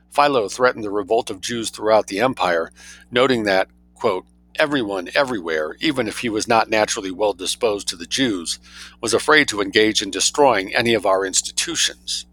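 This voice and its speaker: A man with a fairly low, bright and forceful voice reads scholarly writing aloud. He delivers it like dictation, voicing the citations and punctuation of quotations along with the text. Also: expressive, fairly quick, poor audio. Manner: dictating, speaks quote marks, citations and spellings aloud. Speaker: narrator reading a scholarly book aloud.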